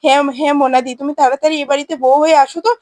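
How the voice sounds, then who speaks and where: A woman's voice: high-pitched, fairly even intonation, racing, darkish tone, no echo, clean studio sound, natural voice. A woman voicing a gossiping young woman in a retold TV serial, speaking urgently and conspiratorially.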